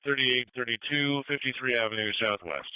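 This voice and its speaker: A man with a piercingly bright, clear voice dispatches fire units over a two-way radio. His delivery is clipped and procedural, with a very dry sound. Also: medium pitch, fairly quick, no echo, poor audio.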